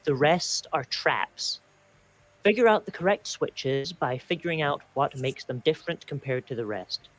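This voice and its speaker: A man's voice: fairly high pitch, lively intonation, normal speed, fairly bright tone. A man joking and teasing as a player in a tabletop game session. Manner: playful, teasing.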